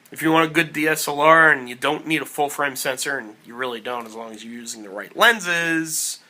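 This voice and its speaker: A man's voice: medium pitch, sharp tone. A man talking casually to camera in a vlog, rambling and restarting his sentences. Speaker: vlogger.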